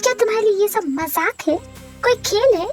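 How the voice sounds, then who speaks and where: A woman's voice: very high-pitched, animated, moderate pace, soft background music. A woman voicing a grieving young wife in a fan audio drama, tearful and pleading. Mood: anguished.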